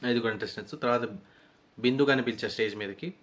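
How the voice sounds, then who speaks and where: Male reviewer, mid-pitched voice, loose chatty recap style, lots of restarts. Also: fast, fairly bright tone. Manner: rambling, conversational retelling with frequent restarts. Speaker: reality show reviewer. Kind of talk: casual episode recap.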